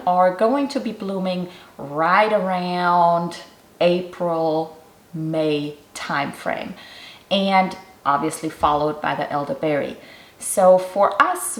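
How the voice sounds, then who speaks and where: A middle-aged woman from Germany hosts her cooking channel, talking through a fermentation recipe in a chatty, instructive way. Her voice sits a little low for a woman. The sound is roomy, with a clear echo around her. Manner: chatty and instructive, explaining step by step. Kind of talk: casual how-to vlog narration.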